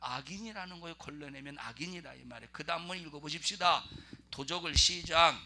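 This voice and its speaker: A male pastor preaching a sermon and leading scripture reading, firing questions at the congregation and bursting into loud emphasis. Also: on the high side, quick pace.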